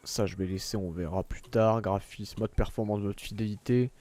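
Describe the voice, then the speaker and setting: A man's voice: on the low side, steady tone, moderate pace, warm tone, no room sound. A man streaming a video game, chatting casually and reading menus and game text aloud, with self-mocking asides. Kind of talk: casual gameplay commentary.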